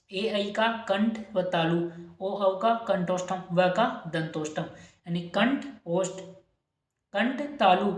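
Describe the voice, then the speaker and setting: Woman teacher in an echoey room. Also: mid-range voice. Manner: asks questions and answers them herself, repeating key terms. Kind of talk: exam-prep lesson.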